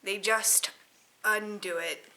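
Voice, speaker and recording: Tipsy woman on a slow, sharp-edged rant. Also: medium pitch, steady tone. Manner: tipsy, loose drunken rambling; sweary, sarcastic, exasperated. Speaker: solo vlogger reviewing a film. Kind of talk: casual spoken rant.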